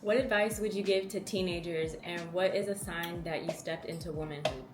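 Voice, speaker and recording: A woman with a slightly low voice reads viewer questions out loud. Music is clearly heard behind her as she passes each one along. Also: fairly even intonation, fairly quick. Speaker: off-camera question reader. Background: background music.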